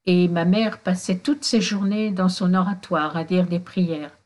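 A woman voicing a remorseful young man who drinks, speaking sadly in halting phrases in a storybook reading. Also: fairly low pitch, steady tone, darkish tone. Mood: confessing. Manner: halting, contrite, sad.

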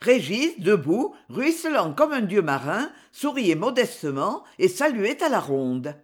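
A narrator reading a classic children's story aloud with expressive storytelling. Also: mid-range voice, measured pace.

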